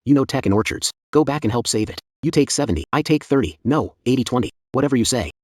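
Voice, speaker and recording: An actor playing a greedy, two-faced orchard owner who talks in a pleading, resentful way in a dubbed drama. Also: male voice, medium pitch, animated, fast, darkish tone, no echo, studio quality, close to an everyday voice.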